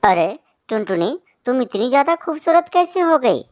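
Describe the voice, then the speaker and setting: A woman's voice: sits high, very animated, normal speed, darkish tone, no room sound, studio quality. A woman voicing a vain, fickle young male pigeon in a cartoon. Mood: delighted.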